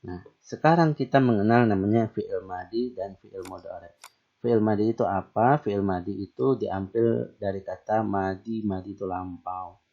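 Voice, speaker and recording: A man teaching Arabic grammar in a relaxed, chatty online lesson, asking himself questions and pausing on fillers. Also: fairly low pitch, muffled recording.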